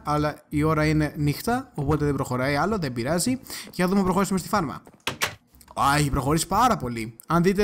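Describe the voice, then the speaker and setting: A man giving casual gameplay commentary, chatty and excitable, talking straight to his viewers and now and then bursting into loud cursing. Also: a little high, slight background noise. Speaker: gaming video creator.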